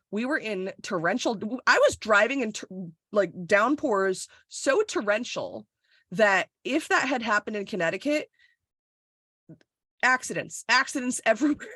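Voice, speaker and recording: A Florida woman co-hosts a podcast over a video call, chatting casually and bluntly, swearing freely and laughing a lot. Her voice sits in the mid-range and is a bit bright, with studio-quality sound and no room echo.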